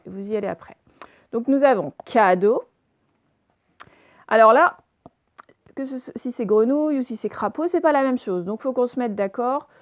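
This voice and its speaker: A woman teacher recording a reading lesson for young children, stretching words slowly and sounding out each syllable. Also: mid-range voice, darkish tone, no room sound, studio quality. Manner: slow, careful, stretched-out word pronunciation; pauses the recording to let pupils work. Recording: self-recorded home lesson.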